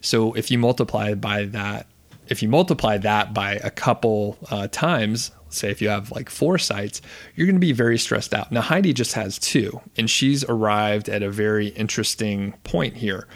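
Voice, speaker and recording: Guy hosting his podcast solo, lowish voice, chatty and laid back. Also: normal speed. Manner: casual, self-correcting, chatty. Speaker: podcast host.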